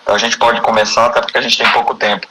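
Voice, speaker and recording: A man's voice: medium pitch, level tone, racing, background noise. A man with a Brazilian Portuguese accent hosting a casual live-stream interview, chatty and friendly, often restarting his sentences.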